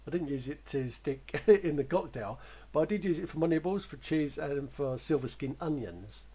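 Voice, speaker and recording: A man talks through a creative writing exercise in a loose, rambling way and chuckles as he goes. His voice is husky and sits fairly high for a man. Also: moderate pace, warm tone, low-quality recording. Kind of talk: spoken writing lesson.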